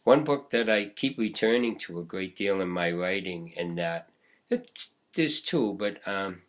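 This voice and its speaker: An older man talks in a fairly low voice. He rambles through his memories in an easy, conversational way, often chuckling. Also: lively intonation, measured pace. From Boston, USA. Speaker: guest poet. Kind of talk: casual interview chat.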